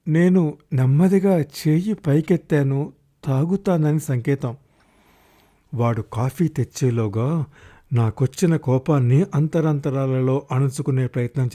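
A male storyteller giving a scripted audiobook reading in the first person. His pitch sits in the middle of the male range. He tells it slowly and reflectively, with a drawn-out delivery. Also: dark tone.

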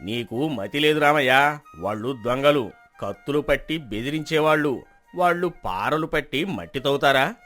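A haughty village landlord talks down to everyone, voiced by a man. His questions drip with scorn, in the manner of a storybook drama. Soft music sits under the voice. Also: mid-range voice, lively intonation, normal speed, lightly acted. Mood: scornful. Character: arrogant middle-aged landlord, scornful and haughty.

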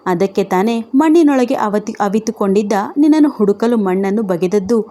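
A gruff, teasing young husband who scolds his wife in mocking banter, as a woman storyteller puts him on. The voice is warm and mellow, read out like a storybook. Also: medium pitch, animated, normal speed, lightly acted.

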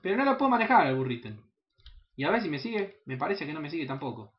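A young man with a Rioplatense Spanish accent giving casual, excitable, profanity-laden commentary while playing a video game, sometimes breaking into high yelps. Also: fast, muffled recording. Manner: excitable, swears often, jumps into high yelps. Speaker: gaming channel host. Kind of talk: casual let's play commentary.

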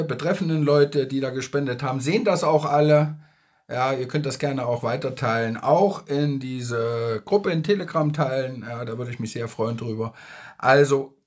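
A man's voice: mid-range voice, a little mellow, husky. Earnest middle-aged man, casual video message. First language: German. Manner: earnest, emphatic, repeating himself. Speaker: social media creator. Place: indoors. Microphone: phone at arm's length.

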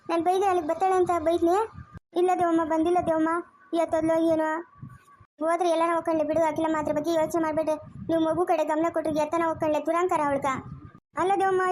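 A rural village wife with a Chikkaballapur Kannada accent, played by a woman, speaks in a very high voice. She talks fast and with feeling, scolding and pleading in a family drama. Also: a little mellow.

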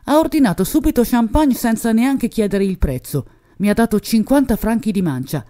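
A woman reading an audiobook, voicing a smooth-talking, deferential male waiter. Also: fairly high pitch, expressive, normal speed, warm tone, no echo, clean studio sound, voice pushed up, close to an everyday voice.

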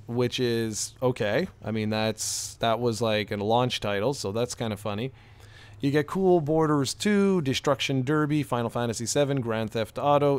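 A man co-hosting a casual gaming podcast, talking in an animated way with rambling restarts and sarcastic asides. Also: mid-range voice, clean tone, dry recording. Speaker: podcast co-host.

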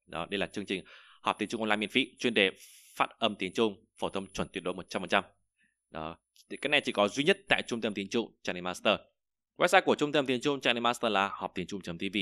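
Male online language tutor, low smooth voice, dry close sound, drills syllables with fillers. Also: animated, fast talker, dry recording. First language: Vietnamese. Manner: repeats drill syllables loudly, many fillers. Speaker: Chinese language teacher. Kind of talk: online lesson with screen walkthrough.

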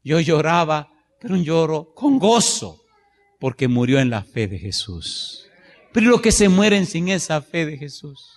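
A middle-aged man pastor preaching a sermon, telling personal stories with passion and swinging from loud bursts to hushed moments. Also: fairly high pitch, sing-song, measured pace.

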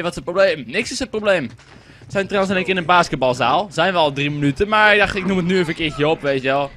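Young male let's-play host, high-ish voice, rapid rambling chatter, faint hiss behind. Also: fairly bright tone. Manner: chatty, rambling, swears when the game lags. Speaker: gaming commentator. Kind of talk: casual let's-play commentary.

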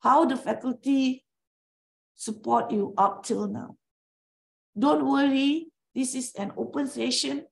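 A middle-aged woman leads an online session with students. Her voice is gravelly and a little high, and she talks slowly, reassuring them and pausing on "okay". She has a lingering cough, and the sound comes through a video call. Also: steady tone, low-quality recording. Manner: encouraging, reassuring, with frequent "okay" and hesitations. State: coughing, recovering from a bad cough. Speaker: faculty dean. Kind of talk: open Q&A session with postgraduate students.

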